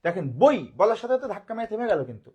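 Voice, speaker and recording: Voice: medium pitch, expressive, very fast, mellow, breathy edge, highs cut off. A grammar teacher, giving a live online lesson, who often asks the class a question and answers it, repeating key points.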